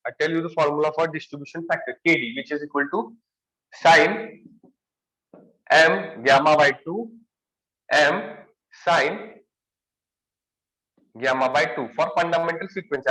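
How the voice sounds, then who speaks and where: A man's voice: on the high side, bright, forceful tone, reverberant, low-quality recording. A young man with a Marathi accent giving an exam-prep lecture, repeating key phrases and stressing words. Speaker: engineering lecturer.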